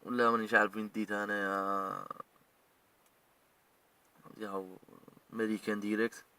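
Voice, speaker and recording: A man's voice: fairly low pitch, level tone, moderate pace, bright, forceful tone, far from the mic. A man with an Algerian Arabic accent, scolding and ranting emotionally in a video as he speaks straight at the people he means. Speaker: online commentator. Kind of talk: heated video rant.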